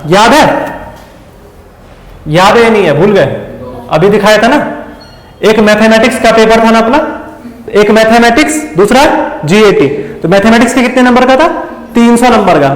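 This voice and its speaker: High-voiced man teaching in an echoey room. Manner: asks students quick questions. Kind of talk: casual exam-prep lesson. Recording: echoey room with long reverb.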